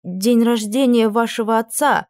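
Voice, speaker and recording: Gentle soft-spoken young prince voiced by a woman. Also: a little high, unhurried, no room sound, clean studio sound, voice pushed up. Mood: alarmed.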